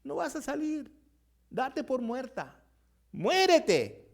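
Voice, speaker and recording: A man preaching a sermon voices a crowd of frogs who taunt a trapped frog with shrill, repeated shouts. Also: very animated, slow, creaky, exaggerated voice.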